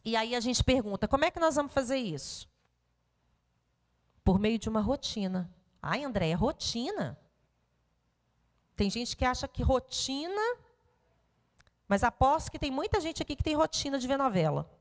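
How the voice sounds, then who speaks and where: A woman pedagogue giving a parenting talk in a church hall. Her voice sits high. She speaks in a lively way, turning to her listeners as she tells stories from home. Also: normal speed, pauses often. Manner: animated storytelling to an audience. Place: church hall before an audience.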